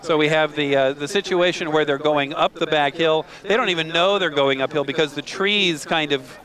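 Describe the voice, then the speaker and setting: A man's voice: on the high side, moderate pace, a bit bright. A man hosting a live outdoor race broadcast, chatty and fond of jokes, steering the talk with questions. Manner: chatty, joking, asks leading questions. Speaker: broadcast host.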